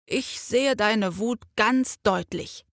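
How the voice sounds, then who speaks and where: A woman voicing a calm, gentle fox father who speaks softly in a children's story. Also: a little high, takes it slowly, dry recording, clean studio sound. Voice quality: soft and quiet.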